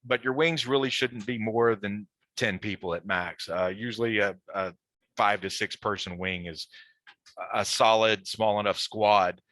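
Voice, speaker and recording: A man's voice: on the low side, bright, forceful tone, no echo. A man teaching melee command on a video call, talking loosely with many fillers and restarts. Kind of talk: explaining tactics in a group call.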